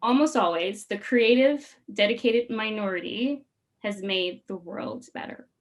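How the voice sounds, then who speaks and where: Female co-presenter, medium pitch, conversational talk delivery. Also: unhurried.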